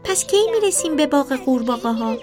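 A woman's voice: high voice, expressive, music in the background, pitched above the performer's own voice. Woman doing a timid little girl chick. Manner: whiny, timid. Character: small scared girl chick, a younger sister.

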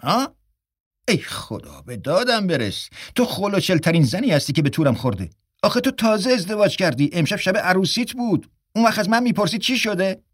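A man's voice: high-pitched, sing-song, husky, no room sound, studio quality, voice pushed up, heavily acted. A man reading an audiobook, playing an exasperated, sarcastic man who grumbles and exclaims.

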